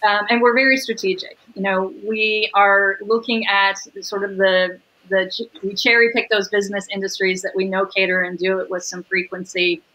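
A middle-aged woman talking upbeat and fast on a video call, laughing easily as she explains her business. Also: medium pitch, flat delivery, bright, forceful tone, poor audio. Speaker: catering sales executive, guest. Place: home room with windows.

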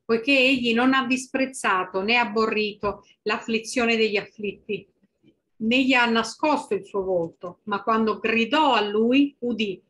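A woman's voice: fairly high pitch, unhurried, fairly bright tone. A woman interpreting a sermon phrase by phrase, with small restarts.

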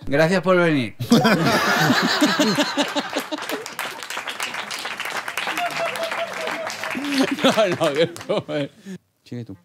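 A man from with a fairly high voice that leaps all over the place banters and teases people in a live studio audience. He laughs often and keeps the mood playful. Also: a little slow, a loud crowd, heavy background noise. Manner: animated and teasing, laughs a lot. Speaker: comedy show co-host.

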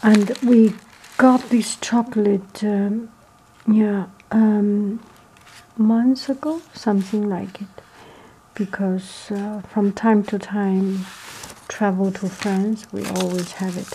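Slow, hesitant woman, softly chatting. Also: mid-range voice, fairly even intonation, rough recording. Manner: hesitant, halting. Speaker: video host. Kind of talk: soft ASMR product chat. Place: indoors at a table, close to wrappers. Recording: clear background noise, crinkling foil and clicks.

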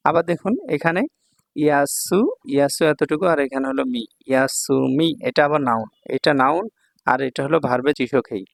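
Patient male kanji teacher, gravelly voice. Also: mid-range voice, no room sound. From Bangladesh. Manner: patient, repeats words and checks with "thik ache". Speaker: Japanese language teacher. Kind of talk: online kanji lesson.

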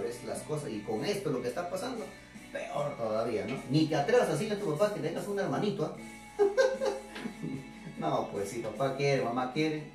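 Animated male teacher in an echoey room. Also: medium pitch. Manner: chatty, constantly asks rhetorical questions with tag '¿no?'; addresses students directly, playful and teasing. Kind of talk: classroom literature lecture to students. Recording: very echoey room, distant mic, faint music.

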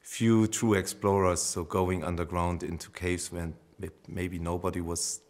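A middle-aged scientist with a very deep voice speaks with earnest enthusiasm. He is giving a documentary interview in a bright office. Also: level tone, a little slow. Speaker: paleoclimatologist.

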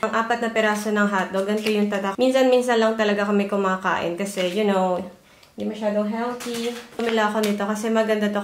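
In this haul vlog, a woman from the Philippines with a Filipino accent chats casually, itemizing each purchase in turn. Her pitch is medium, there's slight background noise, and loud music plays behind her.

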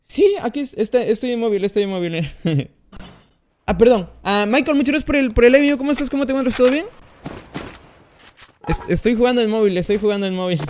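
A man's voice: very high voice, quick pace, long pauses, darkish tone, a little hiss or hum. A man commenting on his mobile gameplay during a live stream, chatting and greeting each viewer by name as he plays. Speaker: gaming streamer.

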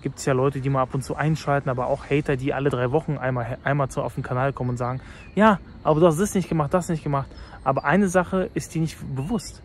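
A man with a mid-range voice talks fast and with fairly even intonation while vlogging beside a market hall. His casual commentary is hyped, slangy, and repetitive, with street noise in the background.

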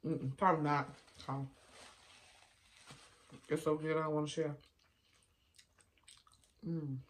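A woman's voice: sits low, little pitch movement, takes it slowly. A woman in her thirties chatting casually to viewers while chewing a mouthful of food, laid-back and easygoing. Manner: laid-back, talks straight to viewers with little laughs. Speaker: mukbang vlogger. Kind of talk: casual chat while eating.

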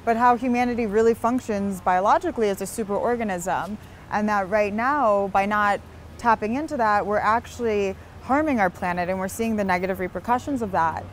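A woman's voice: mid-range voice, brisk, slight background noise. A young woman being interviewed outdoors on a busy street, talking earnestly and at length, with frequent restarts. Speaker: interview guest.

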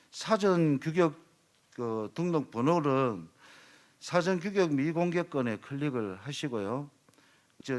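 A man, a consultant, giving an instructional presentation step by step, with frequent fillers and self-corrections. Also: mid-range voice. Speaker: consultant presenting a procurement manual.

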